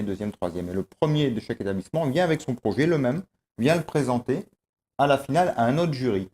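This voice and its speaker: A man organizing a student competition, explaining it in an interview with many pauses and fillers. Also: lowish voice, warm tone. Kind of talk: interview answers.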